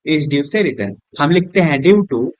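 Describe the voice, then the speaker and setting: A man with Hindi-accented English, teaching a lesson at a board, asking questions and answering them himself, softer and lower on each answer word. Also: expressive, measured pace, dry recording. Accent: Hindi-accented English words. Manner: drops low and soft on the answer words; keeps checking with "is that clear?".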